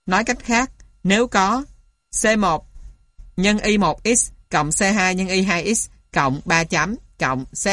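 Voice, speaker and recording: Slow, methodical woman reading a lesson aloud. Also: fairly low pitch, a bit bright, no room sound, studio quality. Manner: methodical, spells out symbols and punctuation. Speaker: lecturer reading a maths textbook aloud. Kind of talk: scripted lesson narration, read aloud.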